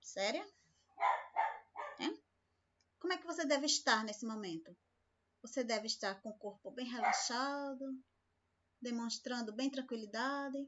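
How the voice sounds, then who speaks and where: Slow, patient woman teacher. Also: a little high, fairly bright tone, dull audio, a little hiss or hum. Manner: patient, asks the class many questions. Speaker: school teacher. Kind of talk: remote class lesson.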